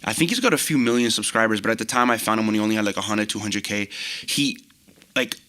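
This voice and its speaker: A man's voice: on the low side, expressive, quick pace, bright, forceful tone. A man in his twenties from Belarus, a guest chatting casually in a slangy, rambling way with lots of fillers. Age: 20s. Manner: laid-back, slangy, rambling with many fillers and restarts. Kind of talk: casual chat.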